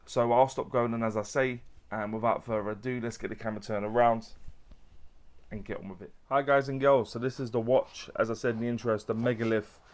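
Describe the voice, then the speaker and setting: Man, watch review host, casual unboxing chat, mid pitch, rambling fillers. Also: fairly even intonation, fairly quick. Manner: chatty, loose with fillers and restarts.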